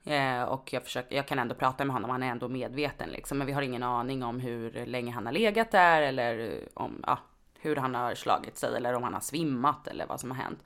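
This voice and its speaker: Low-voiced Stockholm woman chatting. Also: fairly bright tone. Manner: informal, sweary, slangy speech. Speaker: podcast co-host; nurse. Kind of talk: casual conversational storytelling.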